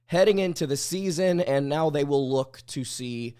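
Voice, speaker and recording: A man's voice: on the high side, normal speed, mellow, clean tone. A male podcast host giving blunt, opinionated live sports commentary, his voice sounding sick and under the weather.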